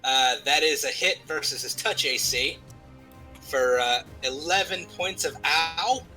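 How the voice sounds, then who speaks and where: A man's voice: a little high, unhurried, sharp tone, faint music behind, poor audio. A man narrating as game master of a tabletop game, loose and full of fillers.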